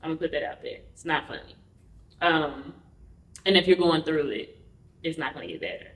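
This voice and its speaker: A woman's voice: sits low, lively intonation, a little fast, a bit bright. A woman guest on a podcast telling her personal story frankly, acting out the voices of the people in it. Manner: frank, acts out quoted dialogue while recounting. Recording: roomy, distant mic.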